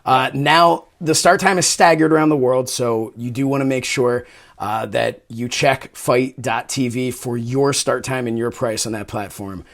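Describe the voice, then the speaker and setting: Male host, middle pitch, earnest and a bit hesitant when asking questions, then reads his sign-off. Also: fairly even intonation, normal speed, a bit bright. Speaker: show host and interviewer. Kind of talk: interview and scripted show outro.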